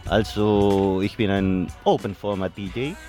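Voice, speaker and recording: A low-voiced man from Chile talks in plain, careful German. He is a guest DJ answering questions earnestly. Faint music plays behind him outdoors by a lake. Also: takes it slowly, a little mellow. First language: Spanish. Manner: earnest, in simple non-native German. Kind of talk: casual interview.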